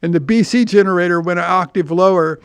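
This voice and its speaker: A man's voice: high-pitched, quick pace, clear, resonant tone, no echo. An older man hosting his own podcast, rambling casually with plenty of swearing and repeated words. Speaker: podcast host. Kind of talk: casual monologue.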